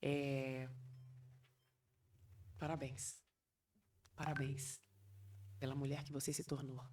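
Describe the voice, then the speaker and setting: A woman hosts a podcast, offering inspirational encouragement. She speaks very slowly and deliberately, weighing each phrase. Her voice comes from some distance away from the microphone. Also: a bass voice, a little mellow. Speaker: podcast host.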